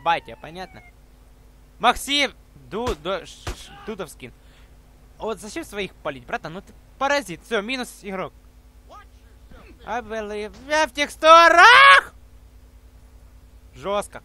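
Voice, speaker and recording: A young man doing excited gameplay commentary, exclaiming often in street slang. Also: high-pitched, moderate pace. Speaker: gaming video host.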